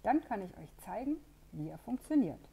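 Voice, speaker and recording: A woman voicing an eager, proud young male squirrel in a storybook read-aloud, talking in excited tinkering patter. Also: medium pitch, normal speed, gravelly, slightly rough, voice pushed up, exaggerated voice.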